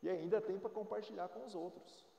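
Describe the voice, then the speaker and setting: A pastor in his forties delivers a sermon, slipping into homey storytelling and direct questions to the congregation. His voice sits somewhat high for a man. The sound bounces around a large, echoey church hall with a long tail. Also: fairly even intonation, fairly quick, gravelly, dark tone. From Brazil. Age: 40s. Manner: storytelling, conversational, preachy.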